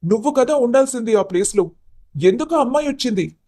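A man voicing an upset, confused young groom in an animated story who presses with emphatic, pleading questions. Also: extremely high pitch, quick pace, dry recording, studio quality.

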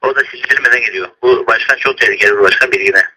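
A man of medium pitch with a very bright, forceful edge. He talks in halting, repeated radio-operator phrases. It comes through a thin phone or two-way radio link. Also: husky, rough recording.

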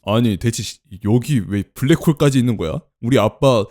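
A man giving chatty, excitable commentary while playing a horror game, exclaiming often. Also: medium pitch, moderate pace. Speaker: game streamer. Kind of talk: let's play commentary.

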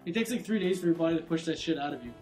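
A man's voice: fairly high pitch, animated, rapid-fire, music in the background. A young man commentating a video game with friends, joking, swearing and laughing a lot. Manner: profane, jokey, laughs a lot. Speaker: let's play commentator. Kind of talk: casual chat.

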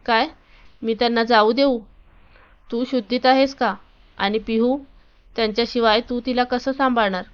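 A woman's voice: fairly high pitch, fairly even intonation, normal speed, clean tone, natural voice. A woman voicing an angry, domineering young husband in a read-aloud story, in a bossy, demanding tone. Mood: irritated, demanding. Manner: shouting, bossy. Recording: dull lo-fi recording.

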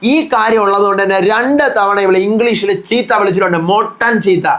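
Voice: medium pitch, moderate pace. A commentator giving a casual recap of a reality show and acting out the quarrels as they retell them. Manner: animated, acts out quarrels while retelling.

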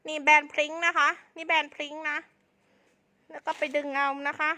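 Very high, bright woman hype-selling live. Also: little pitch movement, fairly quick. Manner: insistent, repetitive sales patter. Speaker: live-stream clothing seller.

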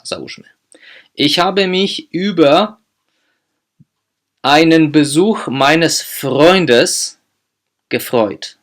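A man teaching language, speaking German phrases slowly and clearly, then explaining them with quick asides. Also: mid-range voice, a bit bright. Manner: slow, modelling German phrases deliberately, quick asides in Polish.

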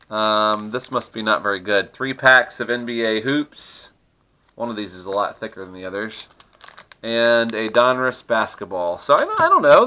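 Bright and pushed, at a medium pitch, a middle-aged man's voice carries his casual card-breaking commentary as he opens packs at his desk at home. He chats, teases, and laughs often for his channel.

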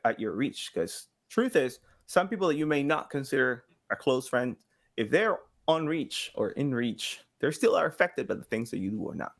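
There's vocal fry in this man's mid-range voice as he chats, casual and expressive, on a podcast. In his thirties, he works as an engagement director and sound designer, talks from an indoor home room, and often plays out little imagined dialogues.

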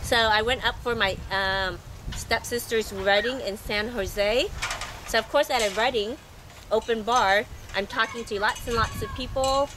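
Middle-aged woman, sailing vlogger, scratchy voice, higher register, easygoing and rambling. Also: fairly even intonation, unhurried. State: scratchy, recovering from losing her voice. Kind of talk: casual unscripted monologue to camera.

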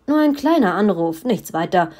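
A woman voicing a menacing young man who controls minds, speaking calm, condescending threats in an audiobook. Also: mid-range voice, normal speed. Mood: coolly threatening.

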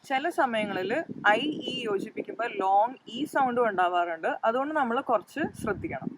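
A woman's voice: a little high, expressive, a little fast, a crowd in the background, rough recording. A woman hosting her own channel and teaching English pronunciation in a patient, step-by-step explanatory lesson.

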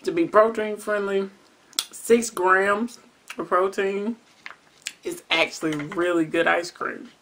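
A woman's voice: mid-range voice, slow, a little hiss or hum. Chatty Southern woman reviewing snacks. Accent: Southern American. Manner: chatty and slangy, building to excited exclamations. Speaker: vlogger. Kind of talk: casual food taste-test vlog.

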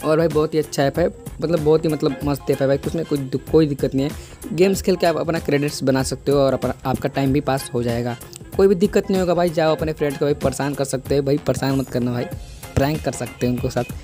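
A man's voice: a little high, fast talker, mellow. A young man giving a casual app tutorial voice-over, repeating himself and addressing the listener as a buddy. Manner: repetitive, peppers sentences with "bhai". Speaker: tech video host. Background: background music.

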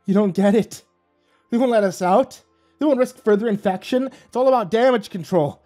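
A man's voice: sits high, normal speed, warm tone, soft background music, pitched above the performer's own voice, lightly acted. A man voicing a bitter, unhinged male army doctor who speaks on the edge of hysteria. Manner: bitter, edgy, near-hysterical.

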